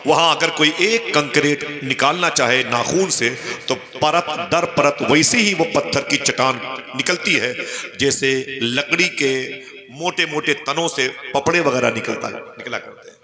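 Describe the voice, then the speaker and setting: A man giving an emotional sermon, telling the story with passion and rising to high cries when he quotes. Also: unhurried. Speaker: Islamic preacher. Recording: echoey hall with crowd behind. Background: listening crowd.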